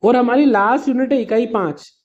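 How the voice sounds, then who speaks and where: A man's voice: very high voice, normal speed, darkish tone, highs cut off. A man teaching an exam revision lesson to students. He explains patiently with simple examples, calls his students "beta" and slips English words into his explanations.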